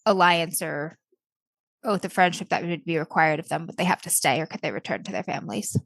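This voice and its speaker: A woman's voice: deep voice, brisk, a bit bright, no echo. A woman playing a tabletop game, mixing casual role-play with table talk.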